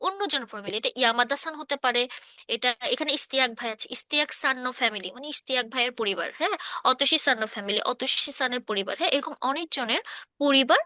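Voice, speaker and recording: A woman teaches a relaxed online language class, checking often that her listeners keep up. Her voice sits high and sounds bright and clear. The recording is close and dry. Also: fast, no room sound. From Bangladesh. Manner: explains patiently, often checking understanding. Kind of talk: casual online class explanation.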